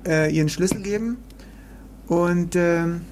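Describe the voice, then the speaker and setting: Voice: mid-range voice, slow, background noise. A podcast co-host in casual chat, recapping and steering the explanation in a chatty way.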